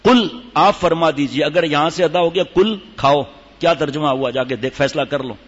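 A man's voice: a little high, fairly even intonation. Older man preaching in a dull hall. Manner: storytelling, demonstrates recitation. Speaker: religious teacher. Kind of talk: sermon to a gathering.

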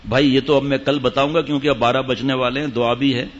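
A man's voice: medium pitch, level tone. Stern preacher man, lo-fi sound. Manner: stern, scolding, rhetorical questions. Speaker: religious teacher at a mosque retreat. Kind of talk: sermon address to a gathering.

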